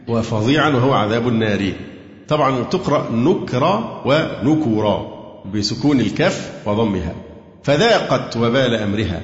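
A man teaching a Quran commentary lesson, explaining grammar and quizzing his listeners, sometimes chanting verses. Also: medium pitch. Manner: asks and answers own questions, sometimes chants verses. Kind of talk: tafsir lesson with grammar analysis. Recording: echoey hall, dull lo-fi sound.

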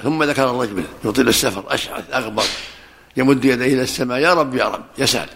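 Gravelly fast-talking scholar, man. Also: medium pitch, fairly bright tone. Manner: repeats key phrases for emphasis, answers students' questions. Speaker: religious scholar teaching hadith. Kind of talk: religious lesson commentary.

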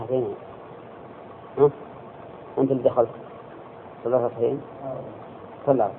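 A male religious teacher giving a classroom lesson, explaining slowly and checking his students with quick questions. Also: mid-range voice. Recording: tinny lo-fi lecture recording with faint hiss.

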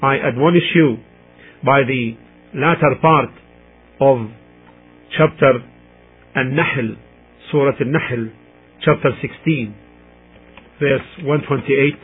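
A man lectures on religion through a narrow, tinny, radio-like channel. His voice is husky and his phrasing is deliberate, with pauses as he recites and then translates phrase by phrase. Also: mid-range voice, steady tone, soft background music. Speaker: Islamic lecturer. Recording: muffled, tinny radio-like sound.

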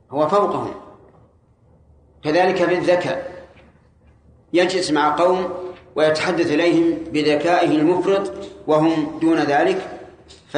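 A man teaching a classroom lesson on Quran commentary, explaining the text step by step and putting questions straight to his students. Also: fairly high pitch. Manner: explanatory, quizzes students directly. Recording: echoey room with faint hiss.

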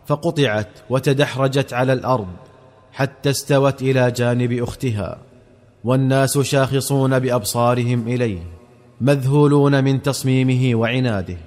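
A man reads a historical tale in a grave, formal classical manner at a middle pitch. His voice rings out with a long reverb trailing after each phrase. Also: fairly even intonation, normal speed. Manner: solemn, formal classical delivery. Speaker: narrator. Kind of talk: scripted narration of a historical story.

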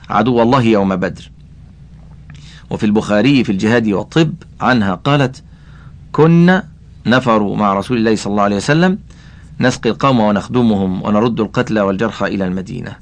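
Man, lower voice, audiobook reader, classical religious text, careful commentary, spells out pronunciations. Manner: careful, spells out vowel marks of names; addresses the listener directly.

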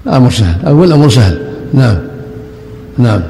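A man's voice: medium pitch, big pitch swings, quick pace, vocal fry, warm tone, faint music behind. An older man, a sheikh teaching a classical text, who gives brief corrections and frequent short acknowledgments during the lesson. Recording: echoey hall with faint ambient noise.

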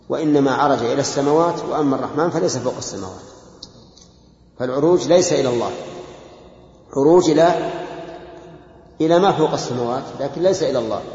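A man teaching a religious lesson, explaining a verse text and reciting its lines slowly and repeatedly. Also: a little high, a little mellow. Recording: echoey hall, dull lo-fi sound.

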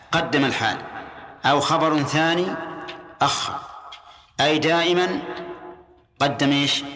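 A man teaching a classroom lesson on scripture and grammar. He reads quoted verses slowly and drawn out, then quizzes his listeners with questions. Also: fairly high pitch, bright, forceful tone. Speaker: teacher of Quranic commentary.

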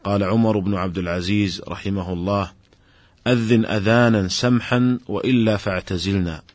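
A man giving a formal religious lesson, explaining rulings in a measured, explanatory way and addressing his listeners directly. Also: on the low side, fairly even intonation, no echo. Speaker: Islamic scholar giving a lecture.

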